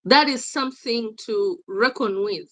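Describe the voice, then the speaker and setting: The speaker, a Ugandan activist being interviewed, blends Luganda with English and hammers home her points emphatically, repeating them. Her voice sits on the high side, pushed and bright and a little slow, in a dry recording.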